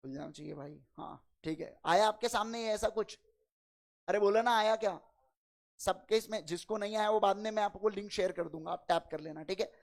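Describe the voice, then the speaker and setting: A man lecturing an accounting class, firing quick questions at his students and addressing them in a fatherly way. He is a little unwell and talks slower than usual. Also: high-pitched, gravelly. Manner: quizzes the class with quick call-and-response questions; fatherly, calls students "beta". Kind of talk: classroom lecture in Hindi and English.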